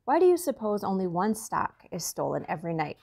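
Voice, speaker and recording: A woman reading a storybook aloud and voicing Wembley, an eager, helpful young male Fraggle, in a raised, excited voice. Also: brisk, vocal fry. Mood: speculating. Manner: raised, excited pitch for his lines.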